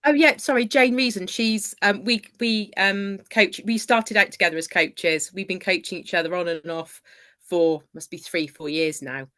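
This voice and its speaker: A woman's voice: medium pitch, steady tone, moderate pace, pushed and bright. A woman who works as a coach, sharing her experience on a group call in an earnest, hesitant way, with fillers and restarts. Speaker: coach and book club member. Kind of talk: casual group video call.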